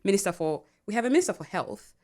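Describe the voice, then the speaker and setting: A woman co-hosting a podcast in casual chat, animated and laughing often as she talks. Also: medium pitch, fast. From Africa. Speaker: podcast co-host.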